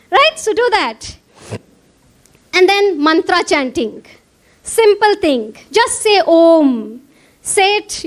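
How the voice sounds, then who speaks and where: A woman with an Indian English accent giving a conference lecture, engaging the audience with frequent questions. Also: extremely high pitch.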